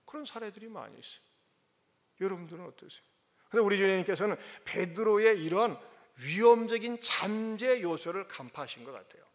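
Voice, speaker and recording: A male pastor preaching a sermon in a church, animated and acting out scenes as he talks. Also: high voice, a little fast. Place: church sanctuary. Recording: church hall reverb.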